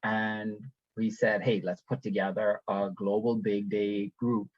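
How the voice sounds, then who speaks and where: A young man from the Bahamas giving a webinar presentation over a video call, talking in a relaxed, conversational way with frequent ums and restarts. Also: on the low side, unhurried, no echo. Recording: dull, dry webinar audio.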